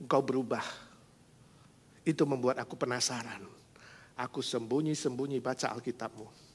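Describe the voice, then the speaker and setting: A man preacher voicing a scornful, hard-drinking husband who shouts and mocks his wife, acted within a sermon story. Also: on the low side, fairly even intonation, moderate pace, vocal fry, slightly rough, voice pushed down, heavily acted. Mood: soft tender. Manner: shouting, mocking, exasperated.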